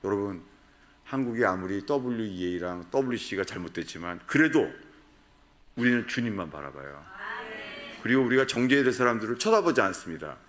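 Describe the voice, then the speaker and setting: A man's voice: lowish voice, sing-song, fairly quick, fairly bright tone, a little hiss or hum. A man preaching a sermon at a prayer retreat, asking the congregation questions and acting out quoted voices. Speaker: pastor.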